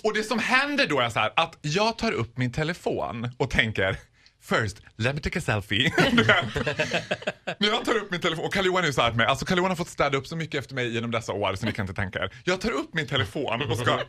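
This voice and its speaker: A man, a guest on a morning radio show, telling a comic story in an animated way, laughing and acting out the scenes. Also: fairly high pitch.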